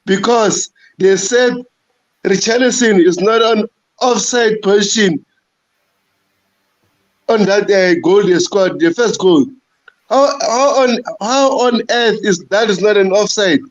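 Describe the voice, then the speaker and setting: A man speaking as a guest on a football live stream, frustrated and halting, repeating and stumbling over his words. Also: high-pitched, highs cut off. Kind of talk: casual football rant.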